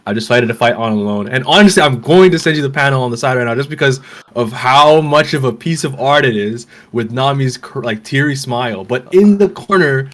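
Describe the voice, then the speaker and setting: A man's voice: mid-range voice, a little fast, a bit bright. Male podcast host, mid-range voice, keen and casual, says "bro" a lot. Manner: enthusiastic, many fillers and restarts, says "bro". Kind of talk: casual chat.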